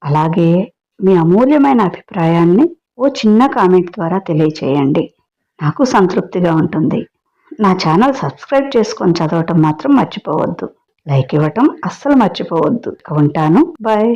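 A woman's voice: fairly low pitch, lively intonation, normal speed, warm tone, highs cut off. A woman narrating a story, voicing the characters' dialogue herself. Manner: narrates and voices all characters in quoted dialogue.

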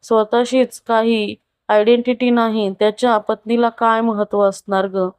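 A woman voicing a wealthy, lonely, unhappy middle-aged wife who confides slowly and from the heart in a storybook tale. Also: fairly high pitch, little pitch movement, darkish tone, clean tone, no echo, close to an everyday voice. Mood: bitter confiding.

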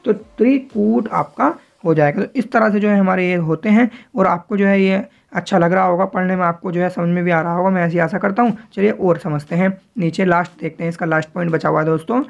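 A man teaching a shorthand lesson, explaining each step patiently and often checking that it is clear. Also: high-pitched, fairly quick, few pauses, highs cut off. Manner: patient, repeats points, often asks if it is clear.

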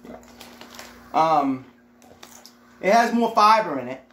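A man's voice: high-pitched, animated, slow pace, sharp tone. Thirties guy co-hosting a snack review, casual chat, roomy sound w some background noise. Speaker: co-host of food review. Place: small living room, indoors. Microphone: camera or phone at arm's length.

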